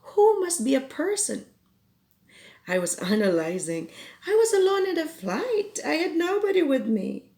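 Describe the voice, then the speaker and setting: This Cebuano-speaking woman from the Philippines has a high, dark-toned voice and sounds very animated. Speaking from her home in Ireland, she teaches English expressions slowly and carefully, illustrating each with quoted examples.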